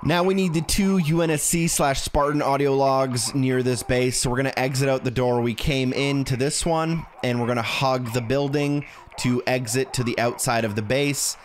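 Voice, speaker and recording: A video game guide creator narrates a walkthrough, giving casual instructions straight to the viewer. His mid-range voice is steady and normal in speed, with a slight hiss or hum.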